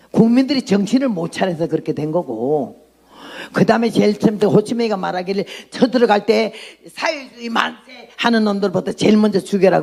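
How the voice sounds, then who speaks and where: Gravelly-voiced woman in her eighties preaching. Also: mid-range voice, darkish tone. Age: 80s. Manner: blunt, emphatic preaching. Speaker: missionary. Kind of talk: testimony sermon.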